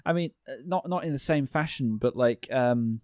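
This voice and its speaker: A man talks loosely on a podcast, circling his point with restarts and fillers, his pitch sitting in an ordinary middle range. The sound is dry and close, with no room around it. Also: normal speed, a little mellow, no room sound. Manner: rambling, many restarts and "like". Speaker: podcast guest, animator. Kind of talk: casual podcast chat.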